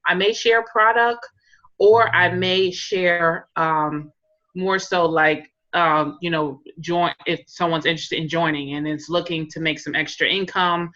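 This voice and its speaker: A woman in direct sales talks casually on a group call and fills her sentences with likes and ums. Her voice is on the low side but bright and forward. The audio is dull and lo-fi. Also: steady tone, unhurried. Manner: rambling, many fillers like "like" and "um". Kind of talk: casual call sharing tips.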